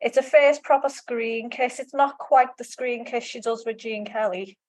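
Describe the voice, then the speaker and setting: A woman's voice: a little high, steady tone, moderate pace. A woman co-hosting a casual film discussion, rambling and restarting sentences as she gives her opinions. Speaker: podcast co-host.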